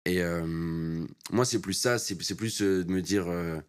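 A man's voice: low-pitched, measured pace, clear, resonant tone. A young man in his twenties, a rapper guest, talking casually in street slang with lots of fillers. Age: 20s. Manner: laid-back street slang, many fillers. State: short on sleep. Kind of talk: casual interview chat.

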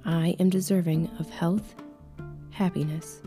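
Over music, a woman with a fairly low pitch offers affirmations during a guided meditation. She sounds unhurried, calm and soothing, her breathy voice almost whispering right in the listener's ear.

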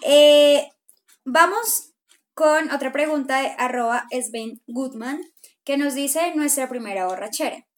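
A young woman hosts a relaxed podcast, reading listener questions and chiming in with short reactions. Her voice is notably high. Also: slow. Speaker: podcast host. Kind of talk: casual chat.

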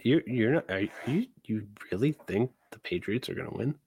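A man co-hosts a casual sports podcast, teasing his partner in quick bursts and often repeating words as he gets going. His voice sits at an ordinary middle pitch. The sound is dry and close, with no room around it. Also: expressive, darkish tone, breathy edge, no room sound. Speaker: podcast co-host.

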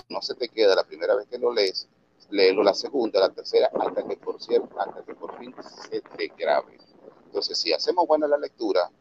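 Low-voiced Venezuelan radio man on a call. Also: creaky. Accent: Venezuelan Andean, Valera. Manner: earnest, instructive, with restarts. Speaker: radio announcer and producer. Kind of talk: remote interview answers. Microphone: video call. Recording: dull lo-fi video call audio with faint noise.

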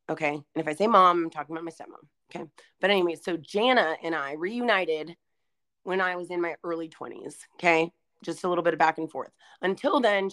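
A woman's voice: low voice, fairly bright tone. A woman in her twenties co-hosting a podcast, chatting casually with lots of fillers as she tells stories. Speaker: podcast co-host. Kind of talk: casual chat.

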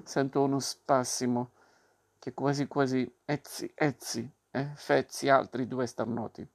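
A man doing a gruff rasping puppet master. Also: medium pitch, flat delivery, measured pace. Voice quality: rasping, sneezing. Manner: blustering, barking orders. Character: gruff bearded male puppet master, bluff but soft-hearted. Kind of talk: audiobook reading.

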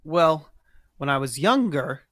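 A man's voice: on the high side, very animated, takes it slowly, a bit bright, full character voice. A man reading a jumpy nervous young traveler. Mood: alarmed. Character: jumpy young man hearing noises in snow.

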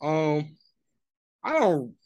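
A man's voice: a little high, very animated, extremely slow, darkish tone, dry recording. A man in his twenties co-hosting a podcast in casual chat. He talks in a laid-back, slangy way and restarts his sentences often. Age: 20s. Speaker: podcast co-host.

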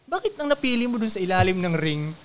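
Man host, high voice, very animated pitch, chatty storyteller with a crowd noise behind. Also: quick pace. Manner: animated, mimics people in quotes. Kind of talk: casual storytelling banter.

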